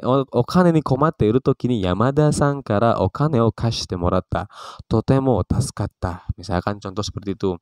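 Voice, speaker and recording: A man teaching a casual vocabulary lesson, calling out each new word brightly and explaining it with relaxed, chatty example sentences. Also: medium pitch, clear, resonant tone, dry recording. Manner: relaxed, chatty, frequent fillers. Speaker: Japanese language teacher.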